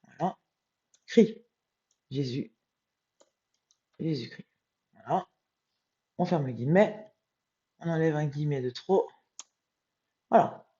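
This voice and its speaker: A tired woman, a medium thinking aloud as she transcribes a text live, muttering to herself and reading passages slowly. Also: sits low, dark tone, highs cut off.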